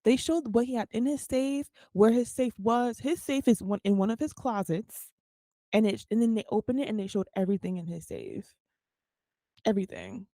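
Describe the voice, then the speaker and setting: A woman's voice: on the high side, moderate pace, no room sound, studio quality. A young woman co-hosting a podcast, telling stories with lots of energy and frequent laughs. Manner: animated storyteller, laughs often. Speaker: podcast co-host. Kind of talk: casual chat.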